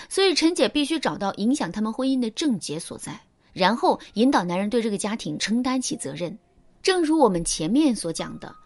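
Female host for scripted relationship advice, lively and persuasive, soft music bed. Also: fairly high pitch.

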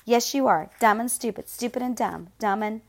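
A woman's voice: medium pitch, expressive, moderate pace, natural voice. A woman voicing a smug older boy who taunts his brother with sing-song insults. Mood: taunting.

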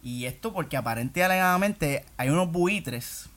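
A man's voice: a little high, expressive, normal speed, fairly bright tone. A man with a Puerto Rican accent co-hosting a casual comedy podcast, irreverent and profane with a mock-solemn delivery. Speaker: podcast co-host.

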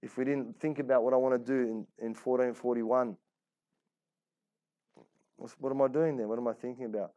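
A man leads an Islamic religious class as a conversational sermon, his mid-range voice warm and steady at a normal speed with frequent pauses. The audio is dull. He speaks colloquially, repeating himself, posing rhetorical questions, using Arabic religious phrases, and role-playing inner voices.

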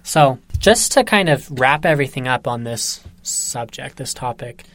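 A man's voice: mid-range voice, expressive, moderate pace, fairly bright tone. A man co-hosting a podcast, talking earnestly and giving firm, emphatic advice in casual chat. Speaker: podcast co-host.

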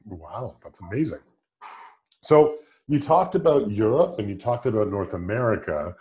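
A warm, expressive male voice on the low side, speaking at normal speed, belongs to a podcast host. He opens by reading from a script, then turns to a relaxed interview with upbeat questions and plenty of fillers.

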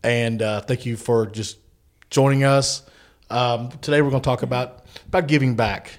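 A man's voice: medium pitch, steady tone, normal speed. A man hosting a podcast in a casual, easygoing and supportive way, with many "uh" fillers. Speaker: podcast host. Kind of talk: casual chat.

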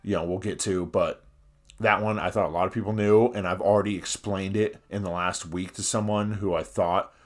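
A man's voice: low voice, fairly even intonation, normal speed. A man co-hosting a podcast in casual banter, talking with half his face numb from the dentist. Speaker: podcast co-host.

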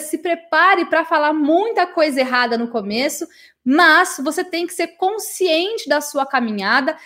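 A Brazilian woman teaching English in a live lesson, chatting with viewers and tagging her sentences with friendly questions. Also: sits high. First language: Portuguese. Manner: chatty and warm with her audience, many "né?" tags.

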